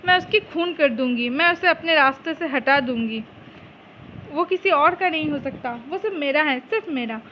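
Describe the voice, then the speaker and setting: A woman reading a fan story aloud and voicing a dramatic, possessive young woman, in a high voice. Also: expressive, moderate pace, lo-fi sound, slight background noise. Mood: frantic. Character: lovestruck scheming young woman Yun.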